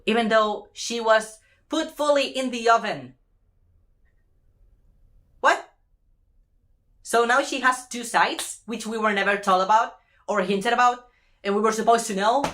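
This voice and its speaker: A fan commentator delivers an impassioned opinion rant, emphatic and exasperated, repeating phrases for effect and swearing casually. Her voice is fairly high and a bit bright, and she speaks unhurriedly with frequent pauses.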